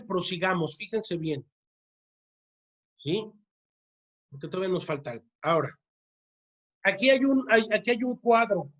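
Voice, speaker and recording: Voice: medium pitch, lo-fi sound. A church teacher leading a parenting class, who often checks in with the listeners and repeats key words to drive them home. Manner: keeps asking the audience "¿sí?", repeats key words.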